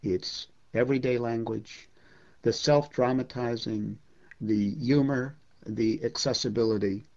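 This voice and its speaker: Man, literature lecture, measured, reflective, mid pitch, muffled lo-fi recording. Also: fairly even intonation, darkish tone. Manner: measured, reflective, with occasional hesitations.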